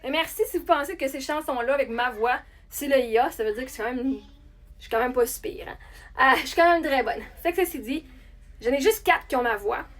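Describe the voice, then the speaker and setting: A woman with a Québécois accent, a singer talking casually to her followers in a chatty, animated way with many restarts. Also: high-pitched, a little fast. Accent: Québécois French. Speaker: singer and content creator. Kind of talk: casual talk to camera.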